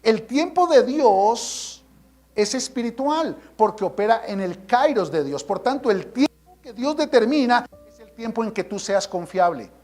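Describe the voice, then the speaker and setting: A man's voice: very high voice, big pitch swings, measured pace, darkish tone, faint music behind. A man preaching a sermon as pastor, emphatic and full of rhetorical questions, sometimes acting out the voices of his congregation.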